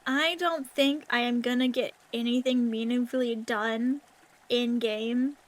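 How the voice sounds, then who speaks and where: A woman with a high voice chats as a livestreamer. Her delivery is cute in an anime-streamer way, and she rambles casually and informally to the people watching. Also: fairly even intonation, a little slow. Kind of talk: casual rambling chat with viewers.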